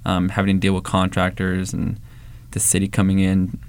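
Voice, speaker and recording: Speaking at a moderate pace in a low, clear, resonant voice, this Valley native from Los Angeles co-owns an ice cream shop. He gives casual interview answers, telling relaxed stories packed with fillers and restarts.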